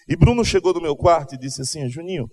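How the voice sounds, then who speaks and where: A man preaching a sermon in church, asking the congregation questions and telling a personal story, his delivery swinging from loud calls to quiet moments. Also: fairly high pitch, animated, fast. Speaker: pastor. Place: church service.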